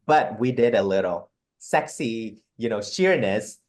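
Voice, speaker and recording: A man hosting a casual conversation, warm and affirming, often saying "yeah" and "mm-hmm". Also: fairly low pitch, lively intonation, measured pace. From southern Vietnam. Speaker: host, fashion designer.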